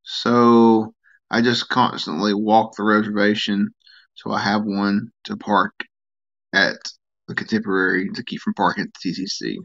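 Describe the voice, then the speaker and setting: A man's voice: on the low side, normal speed, gravelly, highs cut off. Tired man live-streaming. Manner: rambling, relaxed, reads and answers chat comments. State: tired, yawning. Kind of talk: casual live stream chat with viewers.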